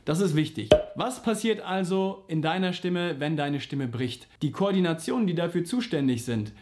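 A man's voice: on the high side, expressive, normal speed, a little mellow, slight background noise. A man teaching a singing lesson, explaining simply and patiently, and sometimes singing vowel slides to show an exercise. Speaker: vocal coach.

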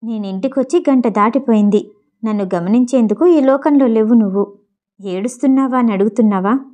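A woman's voice: on the high side, a little fast, mellow, natural voice. A woman voicing a heartbroken, bitter young woman in an audiobook, speaking in a tearful, trembling voice. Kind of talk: audiobook character voice.

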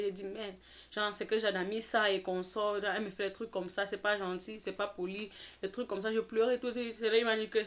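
A young adult woman vlogger telling a personal story in an animated, quick way, acting out the dialogue. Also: mid-range voice. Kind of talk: storytime vlog.

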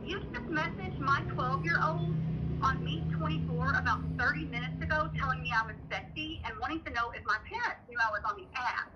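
A woman's voice: sits high, fairly quick, lo-fi sound, very noisy. A woman calling in over a phone on speaker, talking in a firm, cold, accusing way as a decoy caller. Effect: heard over a phone on speaker. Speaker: decoy caller for a vigilante group. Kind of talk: confrontational phone call.

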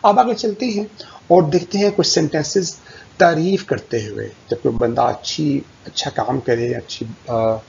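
A man teaching English phrases to learners, explaining in Urdu and slowly repeating each English sentence for them to copy. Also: vocal fry, a little mellow. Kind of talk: spoken language lesson with slides. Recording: dull lo-fi voice-over with faint rumble.

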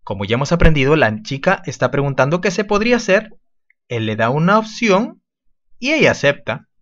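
A man teaching an English class to children online, switching to slow, drawn-out model phrases for the children to repeat. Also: on the high side, big pitch swings, fairly bright tone, highs cut off.

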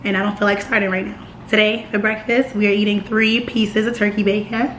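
A young American woman with a hoarse, raspy smoker-like voice, chatting casually to camera in a vlog. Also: mid-range voice, level tone, a little fast, a bit bright. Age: young adult. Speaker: vlogger. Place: bright open-plan apartment, indoors. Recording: roomy echo, clear background noise.

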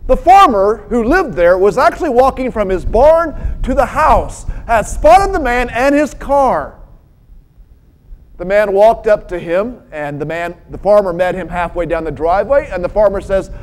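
A woman pastor giving a sermon, telling stories with an expressive, lively delivery. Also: medium pitch, normal speed, rough recording. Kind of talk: sermon with storytelling.

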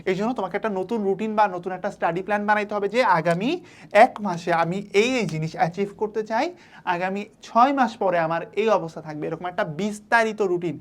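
A woman's voice: mid-range voice, fast talker. A young woman tutor giving study advice, coaxing and asking and answering her own questions. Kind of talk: online study-advice lesson.

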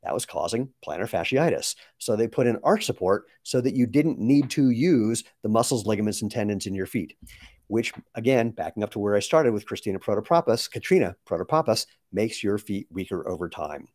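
A man's voice: fairly low pitch, expressive, fairly quick, darkish tone, dry recording. A man in his sixties chatting casually on a live question-and-answer stream, explaining with asides. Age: 60s. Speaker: company founder answering viewer questions.

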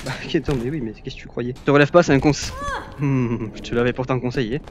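A man's voice: medium pitch, fairly even intonation, fast talker, background noise. A young man giving casual, playful commentary while playing a VR game, teasing the characters he fights. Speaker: gaming YouTuber. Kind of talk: casual Let's Play commentary.

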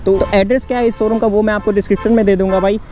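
High-voiced young man vlogging from a motorbike. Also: steady tone, racing, darkish tone, faint music behind. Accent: Bihar Hindi. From India. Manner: chatty, keeps saying "bhai", upbeat. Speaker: bike reviewer. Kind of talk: casual ride review vlog. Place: outdoors on a city road. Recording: road and traffic noise.

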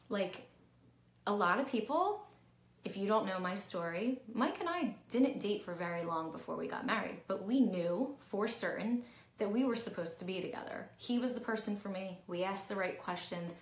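A middle-aged woman talks straight to the camera in a casual, candid vlog, leaning on "like" as she goes. Her voice sits at an ordinary pitch for a woman. The room around her rings with a noticeable echo. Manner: candid, chatty, heavy use of "like" fillers. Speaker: vlogger. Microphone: camera at close range, talking to herself on screen. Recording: roomy echo.

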